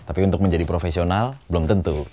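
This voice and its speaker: A man's voice: deep voice, fast talker, dark tone. A man who works as a voice over talent, chatting casually and playfully, showing off intonations and voices. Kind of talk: casual explanatory interview.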